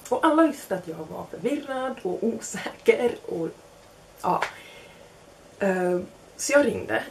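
A woman's voice: fairly high pitch, background noise. A young woman casually telling a self-mocking anecdote, acting out the other people in it. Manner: animated, self-mocking, acts out quotes. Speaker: storyteller.

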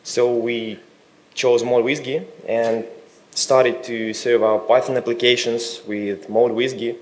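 Man giving a relaxed tech talk. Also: mid-range voice, takes it slowly. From Russia. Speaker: conference speaker. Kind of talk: technical conference talk. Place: conference hall.

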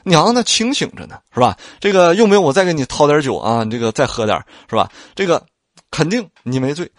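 A man voicing a scheming young maid who flatters her mistress and mocks another servant, in an audiobook reading. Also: a little high, a little fast, no room sound, clean studio sound. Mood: sly mocking. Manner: sly, flattering, mocking.

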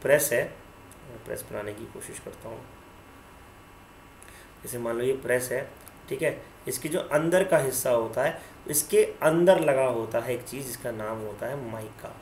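A man's voice: mid-range voice, normal speed, darkish tone, echoey room, a little hiss or hum. A male teacher giving an online class, teasing students by name and mixing English terms into his talk. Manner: mixes Hindi and English terms.

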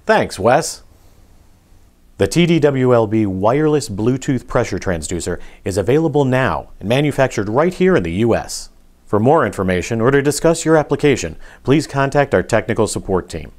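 A man reading scripted narration for a product video in a smooth, even promotional delivery. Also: mid-range voice, moderate pace.

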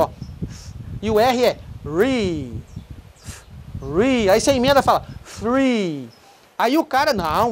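A man's voice: very high voice, a little hiss or hum. Brazilian man teaching English pronunciation. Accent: Brazilian Portuguese. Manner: explains patiently, then sings short song lines with a guitar; repeats words slowly to show pronunciation. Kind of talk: casual video lesson.

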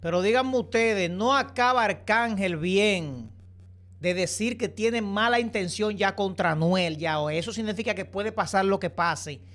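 A man's voice: high-pitched, measured pace, fairly bright tone. A man giving opinionated entertainment gossip commentary, lecturing his viewers. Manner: preachy, repeatedly addresses viewers as señores.

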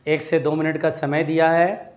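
A man's voice: a little high, little pitch movement, normal speed. A male physics teacher, giving a classroom lecture in a chatty, teasing way, coaxing his students along.

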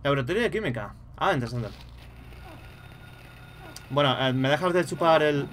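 A man's voice: on the high side, lively intonation, normal speed, fairly bright tone, a little hiss or hum. A young man with a Spain Spanish accent giving casual, profanity-laced commentary while playing a horror game, yelping when startled. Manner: swears freely, yelps when startled. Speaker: gaming streamer.

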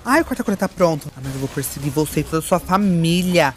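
A woman's voice: sits low, expressive, fast talker, soft background music. A woman giving live gameplay commentary, campy and theatrical, with playful swearing at her opponents. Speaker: gaming streamer.

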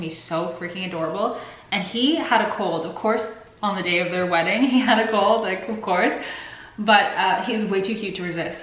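Filming a vlog in her home kitchen, a sniffly, slightly unwell woman in her twenties chats and rambles to the camera. She has a fairly low-pitched voice with a fairly bright tone, and the room sounds echoey.

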